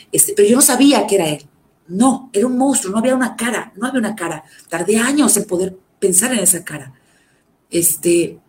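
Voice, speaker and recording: Halting woman telling her story. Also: a little hiss or hum. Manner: halting, with many fillers and restarts; emotional, often dropping to a low, soft voice. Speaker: survivor sharing her story. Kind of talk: personal testimony.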